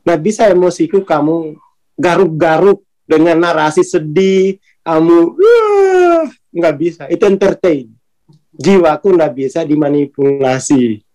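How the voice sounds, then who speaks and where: This casual spiritual talk comes from a speaker on a spiritual talk channel, who chats informally about the soul and keeps laughing briefly between points. Sentences are colloquial and often end in little tag words. The mid-range voice is a little slow, and the audio is poor.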